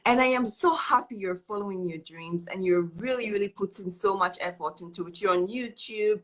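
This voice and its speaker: On a casual live-stream chat, a woman host showers her guest with effusive encouragement, often repeating the same phrases. She talks briskly in a mid-range voice, and the audio quality is poor.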